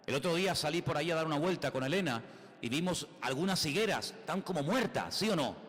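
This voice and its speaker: A man's voice: a little high, lively intonation, fast, a bit bright, big-room sound. Emphatic Spanish-accented male preacher. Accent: Spain Spanish. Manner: emphatic preaching with rhetorical questions and repetitions. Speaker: pastor. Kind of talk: sermon.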